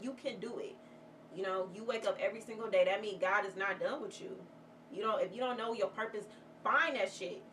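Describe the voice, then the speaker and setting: Woman, casual vlog chat, rambling, candid, swears, mid pitch, distant mic, noisy background. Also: a bit bright. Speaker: vlogger. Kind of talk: casual get-ready-with-me chat.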